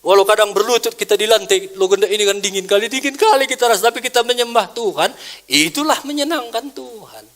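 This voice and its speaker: A male pastor, preaching a sermon in an animated way, dropping to soft asides and rising to loud exclamations. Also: high voice, fast. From Indonesia.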